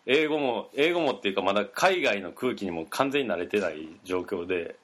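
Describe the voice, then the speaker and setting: Young man, Kansai accent, husky animated storyteller. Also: lowish voice, normal speed. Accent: Kansai Japanese. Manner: animated storyteller, laughs often. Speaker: storyteller guest. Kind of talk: casual chat.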